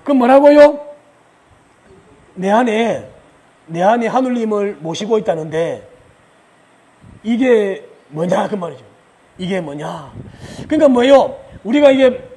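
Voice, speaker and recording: A man lectures at a religious retreat in a high voice that swoops up and down. His tone is mellow and a little husky. He keeps asking the room questions, answers them himself, and chuckles along the way. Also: expressive, moderate pace. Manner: chuckles often while he explains. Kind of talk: lively spoken lecture.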